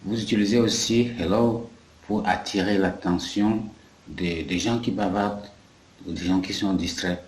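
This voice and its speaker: Brief: low-voiced male language teacher from Africa, patient and repetitive, echoey room, faint noise. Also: fairly even intonation, a little slow, a little mellow. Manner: patient, repeats key phrases. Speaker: English teacher. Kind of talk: bilingual language lesson.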